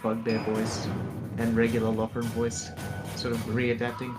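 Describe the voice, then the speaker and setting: Casual male gamer over loud music. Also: medium pitch, monotone, moderate pace. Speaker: tabletop game player. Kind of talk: casual game chat.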